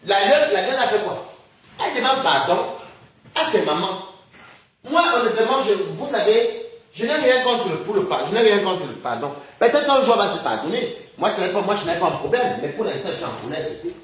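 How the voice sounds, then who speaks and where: A man's voice: high voice, sing-song, moderate pace, fairly bright tone. A man ranting indignantly on a casual live stream, firing off rhetorical questions and chuckling often. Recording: roomy echoey recording.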